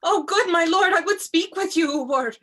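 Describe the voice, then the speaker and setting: A woman's voice: very high-pitched, normal speed, fairly bright tone. A woman playing a loyal, outspoken maidservant, impassioned and declamatory, in a Shakespearean tragedy reading. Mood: urgent. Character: loyal, outspoken, fiery maidservant to a murdered lady. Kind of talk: Shakespearean tragedy cold read.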